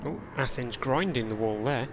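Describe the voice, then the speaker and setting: A man's voice: mid-range voice, moderate pace. A man giving casual commentary on his own online racing game stream, chatty and self-deprecating, muttering to himself as he drives. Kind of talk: live gameplay commentary. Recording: noisy game audio behind voice.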